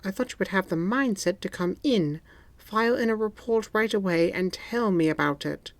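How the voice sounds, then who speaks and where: A woman's voice: mid-range voice, moderate pace, no room sound, voice pushed up, natural voice. A man voicing a stern female spy chief who scolds in a clipped, disapproving way.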